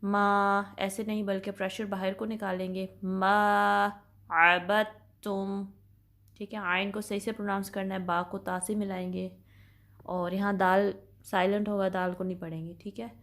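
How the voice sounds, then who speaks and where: A woman teaching Quran recitation in a methodical tajweed lesson, her voice held level and even with little rise or fall. She explains each sound patiently and checks in often with her students. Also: medium pitch. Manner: patient, methodical explaining with slow drawn-out demonstrations; frequent reassuring check-ins.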